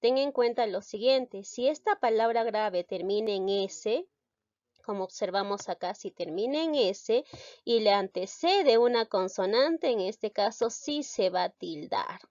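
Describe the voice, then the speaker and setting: A woman's voice: mid-range voice, expressive, a little slow, a little mellow, no room sound. A woman teacher explaining grammar rules step by step, posing rhetorical questions as she goes. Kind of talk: recorded grammar lesson. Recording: dry, slightly dull recording.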